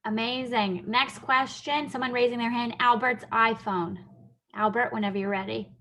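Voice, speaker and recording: A woman moderating an online event, reading out audience questions and calling on the next speaker in a brisk, upbeat way. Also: a little high, fairly even intonation, pushed and bright. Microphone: video call.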